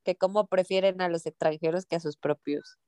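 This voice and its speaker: A woman's voice: lowish voice, fairly even intonation, a little fast, darkish tone, dry recording. A woman co-hosting a casual sports chat, giving brief agreeing replies and offering stats. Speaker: co-host.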